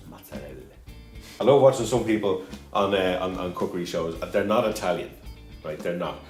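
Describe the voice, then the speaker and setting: A lower-pitched man chats his way through a cooking show, joking and wandering off topic as he goes. His voice bounces around a roomy home kitchen, with faint music under it. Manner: joking, rambling, chatty. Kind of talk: casual cooking chat.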